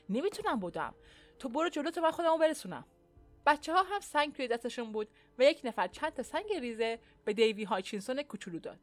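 Woman narrator, fairly high voice, measured storytelling, faint music under. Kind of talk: audiobook narration.

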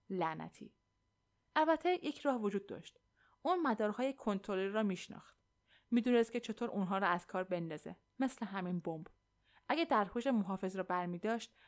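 A woman narrates a suspense novel in a steady, even reading voice. Her pitch sits in an ordinary middle range for a woman. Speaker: audiobook narrator. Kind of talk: scripted narration of a thriller.

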